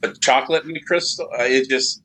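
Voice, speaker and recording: A man's voice: medium pitch, moderate pace, bright, forceful tone, slight background noise, low-quality recording. A man appearing as a guest on a casual podcast, rambling and enthusiastic. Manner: rambling, enthusiastic, many restarts.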